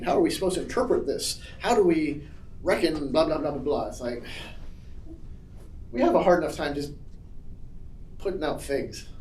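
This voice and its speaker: A man teaching an adult Sunday school class in casual, animated talk, acting out quotes in shifting voices. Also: on the high side, slight background noise. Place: church classroom. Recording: roomy echo from far off.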